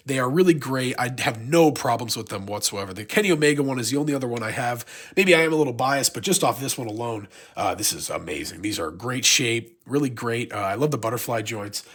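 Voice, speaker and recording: Male unboxing reviewer, congested and sick, husky, blocked-nose sound, chatty rambling fan enthusiasm. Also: mid-range voice, fairly bright tone. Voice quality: congested, stuffy-nosed. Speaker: YouTube toy collector and reviewer.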